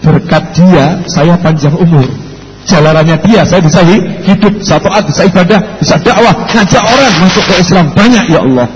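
A man's voice: high-pitched, animated, fast talker, a bit bright. A man voicing a humble, pious male cleric who speaks earnestly, with a Javanese accent. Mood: prayerful. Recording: echoey hall, faint background noise.

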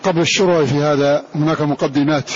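A man teaching a lesson on Quran recitation in a deliberate lecture style, repeating each term for his students. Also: fairly high pitch, fairly even intonation. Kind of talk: classroom lecture. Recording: dull lo-fi recording with faint hiss.

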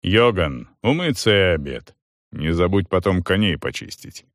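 A man's voice: deep voice, sing-song, normal speed, a bit bright, no echo, studio quality, exaggerated voice. A man voicing a blunt, commanding wounded soldier who speaks curtly. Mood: stern. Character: gruff wounded male soldier, stern master.

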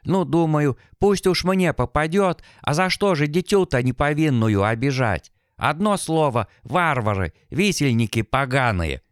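A man's voice: a little high, lively intonation, a little slow, clear, resonant tone, dry recording, clean studio sound. A man reading an audiobook, voicing a grumbling old village woman who mumbles and laments. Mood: indignant.

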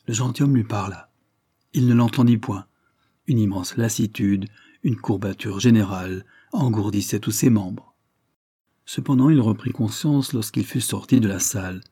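A man narrating a classic novel as an audiobook, in a steady, measured reading. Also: on the low side, husky, dry recording, clean studio sound.

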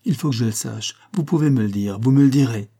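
A man's voice: medium pitch, fast talker, dark tone, natural voice. A man reading an audiobook aloud, voicing a proud, spirited young heiress in a lifted voice. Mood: proud, urgent.

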